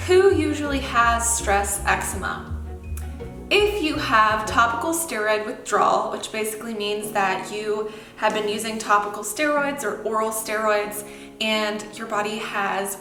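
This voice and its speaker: A woman's voice: a little high, sharp tone. Chatty woman vlogger in an echoey apartment. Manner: chatty, informal, addresses viewers directly. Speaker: wellness vlogger. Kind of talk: casual chat to camera. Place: indoors, newly moved-into echoey apartment. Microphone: wireless earbud microphone. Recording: echoey empty-apartment room, hallway-like echo.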